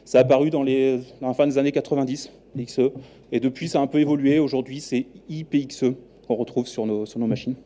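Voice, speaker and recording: Dark-voiced French-accented man giving a talk. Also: mid-range voice, fast talker. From New Caledonia. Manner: relaxed, hesitant with many fillers and restarts. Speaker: software architect giving a meetup talk. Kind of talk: live conference talk. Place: meetup room.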